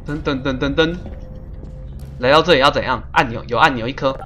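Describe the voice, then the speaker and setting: A man streaming a puzzle game live, chatty and excitable, laughing often and making little sound-effect noises as he plays. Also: medium pitch, fairly quick, soft background music. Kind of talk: live gameplay commentary.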